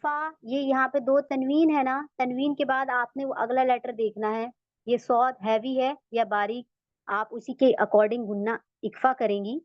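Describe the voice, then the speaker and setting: A woman with a fairly high voice teaches a recitation lesson to women, patient and step-by-step, stretching sample words out slowly to show how they sound. The recording is dull and lo-fi, with a dry sound close to the mic. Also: fairly even intonation, dry recording. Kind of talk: online tajweed lesson for women.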